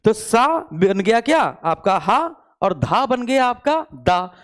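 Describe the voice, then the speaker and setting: A man's voice: high voice, lively intonation, takes it slowly, a bit bright. A male teacher giving an online exam-prep lecture, repeating each point and asking his students questions, mixing English words into his speech. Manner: repetitive call-and-response questioning.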